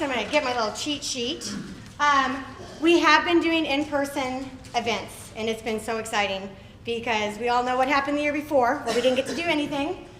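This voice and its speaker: High-voiced upbeat woman hosting a meeting. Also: a bit bright. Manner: chatty, upbeat, thinks aloud with fillers. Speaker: club meeting host. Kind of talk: casual club announcements. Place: running store meeting room. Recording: echoey room, faint noise.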